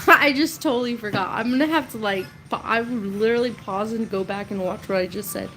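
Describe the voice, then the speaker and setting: A woman's voice: medium pitch, brisk, a bit bright, faint music behind, poor audio. A woman in her thirties telling rambling, chatty stories about her past on a casual live stream, often breaking into laughs. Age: 30s. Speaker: storytelling creator.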